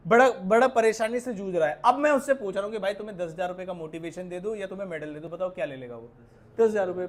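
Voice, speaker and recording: A young man teaching a class, asking students questions, repeating key points, mixing English terms into his explanations and telling stories from his own life as examples. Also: sits high. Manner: tells personal anecdotes as examples. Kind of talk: classroom lecture.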